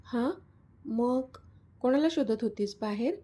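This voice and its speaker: A woman's voice: fairly high pitch, measured pace, mellow, slightly rough. Woman reading as a teasing young lover. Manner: teasing, coaxing. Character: teasing young man, playful then hurt lover.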